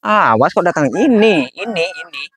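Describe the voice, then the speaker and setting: A man acting a grumbling, quick-tempered village mother in a slapstick sketch. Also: sits high, very animated, background noise. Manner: grumbling, mocking asides. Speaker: comic actor.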